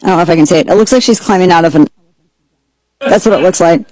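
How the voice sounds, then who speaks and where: A woman hosting an opinionated political commentary show, sarcastic and mocking, with quick asides. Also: fairly low pitch, darkish tone, dry recording, poor audio. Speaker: host.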